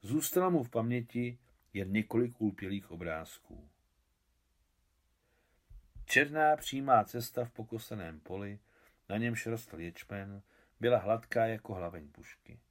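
A man reading his own translation of a novel aloud, measured and expressive. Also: fairly low pitch. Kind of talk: literary reading.

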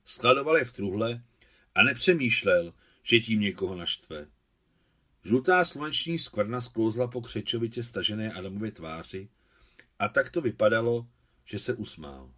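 A man reading his own translation of a novel aloud, with calm, measured audiobook narration. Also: fairly low pitch.

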